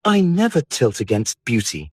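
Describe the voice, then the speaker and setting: In audiobook character dialogue, a man voices a witty, languid English aristocrat, theatrically teasing and aphoristic, in an amused mood. He pushes his medium-pitched, darkish, breathy voice upward, swooping wildly in pitch at a moderate pace.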